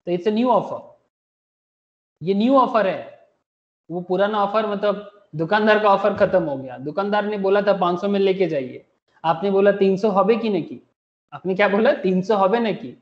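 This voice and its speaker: A man teaching a class, mixing Hindi and English and often asking the students questions. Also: high voice. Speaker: commerce teacher. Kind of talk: classroom lecture. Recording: echoey room, muffled lo-fi sound.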